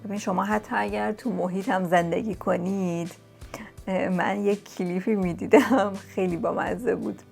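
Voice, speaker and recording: A woman speaks straight to her viewers in a relaxed, chatty vlog, sharing tips and circling back on key words for emphasis. Her voice sits at a middle pitch with a noticeable gravelly fry. Quiet music plays underneath. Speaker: vlogger sharing language-learning tips. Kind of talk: casual talk to camera. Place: lives in England.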